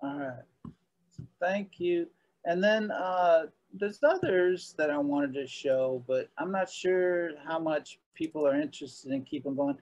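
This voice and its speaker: A man's voice: on the high side, a little slow, a little mellow, dull audio. A man hosting a community meeting on a video call, talking casually and restarting his sentences. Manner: hesitant, restarts often. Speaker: host.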